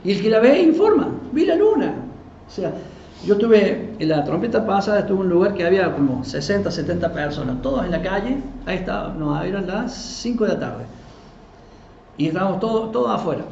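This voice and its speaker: A high-voiced male pastor teaches in a lively, conversational way and slips into the voices of the people he quotes. The recording is dull, with a roomy echo and a faint hiss. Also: a little fast, vocal fry. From Argentina. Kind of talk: live Bible teaching.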